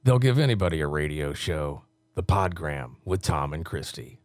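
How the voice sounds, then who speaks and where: A man recording radio station promos in a deep announcer read, joking and laughing between takes. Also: lively intonation, moderate pace, no echo. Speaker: radio voice-over talent recording station liners.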